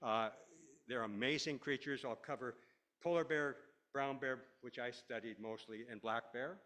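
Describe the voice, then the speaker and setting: An older man from Washington State giving a relaxed, rambling slide lecture to a class, with many fillers. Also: medium pitch, normal speed. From Washington State, USA.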